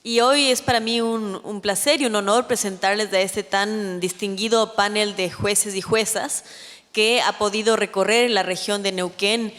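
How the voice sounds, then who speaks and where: A woman's voice: medium pitch, fairly even intonation, measured pace, a bit bright. A woman from Ecuador giving a formal, earnest address as secretary of an ethics tribunal, with frequent fillers and restarts. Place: legislative chamber hall. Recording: long hall reverb.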